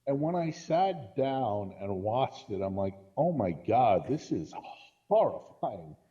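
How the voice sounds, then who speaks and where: Speaking slowly in a sing-song manner, a man of medium pitch appears as a podcast guest, offering conversational, opinionated thoughts on films. It's a dull lo-fi recording.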